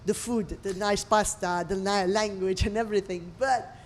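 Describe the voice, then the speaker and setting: With slight background noise, a middle-aged Lebanese woman speaks at a moderate pace in a mid-range voice. She runs a restaurant and, during a mealtime interview, tells expressive stories in imperfect, non-native English.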